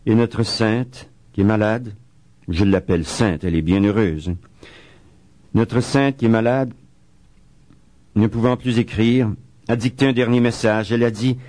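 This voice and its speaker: A man gives a calm spiritual talk on a saint's life in a fairly low voice. He reads quoted writings slowly and solemnly, then adds chatty asides. The recording is dry.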